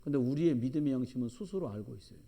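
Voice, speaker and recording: A man's voice: mid-range voice, animated, rapid-fire, gravelly, mellow. A middle-aged man preaching a sermon as pastor in a church, with emphatic, joking storytelling. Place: church sanctuary.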